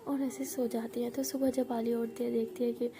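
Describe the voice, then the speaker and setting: A woman narrating a love story as whispered role-play, in a soft, hushed voice close to the mic. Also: on the high side, flat delivery, a little fast.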